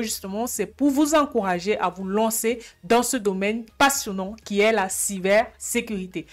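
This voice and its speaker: A woman hosting her channel, welcoming viewers directly in an upbeat stream-style intro. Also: on the high side. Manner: greets and addresses viewers directly. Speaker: YouTube channel host.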